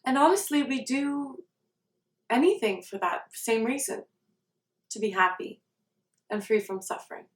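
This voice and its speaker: A woman leads a guided meditation in a calm, slow, gentle way. Her voice sits a little high. It is recorded at home with a roomy echo, a bit away from the mic. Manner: slow, soft, calm guiding. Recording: roomy sound, somewhat far from the mic.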